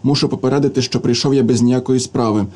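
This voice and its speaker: A man's voice: mid-range voice, steady tone, quick pace, darkish tone, natural voice. A man reading the part of a shy, anxious professor, speaking hesitantly and apologetically. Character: shy older male professor, timid and anxious.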